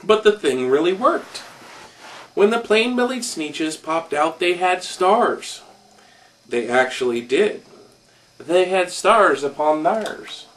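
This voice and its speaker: A man slowly reading a rhyming children's story aloud in a rhythmic way, a little off-mic. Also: sits high, animated, fairly bright tone, recorded from a distance, slight background noise. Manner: slow, rhythmic rhyme reading.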